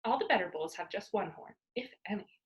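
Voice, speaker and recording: A woman's voice: medium pitch, lively intonation, fairly quick, close to an everyday voice. A woman voicing a bold, exuberant, mischievous young girl from a children's storybook, playful and cheeky. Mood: breezy, cheeky.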